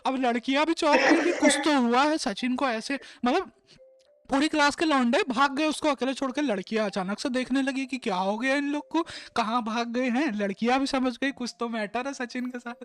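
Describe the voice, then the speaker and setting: A man's voice: very high-pitched, normal speed, a bit bright, no room sound. A man telling a funny story to friends in a casual, slangy, laughing way.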